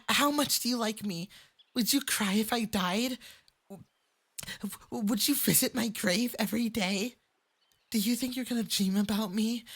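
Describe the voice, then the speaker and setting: In this intimate ASMR roleplay, the performer voices a fox-spirit femboy mage who is clingy and lovestruck, coaxing sweetly and possessively. The light, breathy, mid-range voice sounds needy and excited, swinging into eager enthusiasm.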